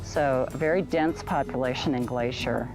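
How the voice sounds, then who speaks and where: Woman researcher interviewed over loud music. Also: a bass voice, moderate pace, poor audio. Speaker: wildlife researcher. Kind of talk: unscripted documentary interview. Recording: loud music behind speech.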